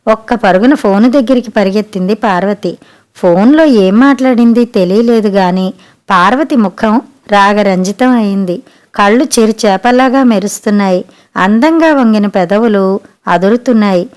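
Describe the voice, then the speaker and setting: A woman's voice: medium pitch, normal speed, darkish tone. Woman narrating a storybook. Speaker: audiobook narrator.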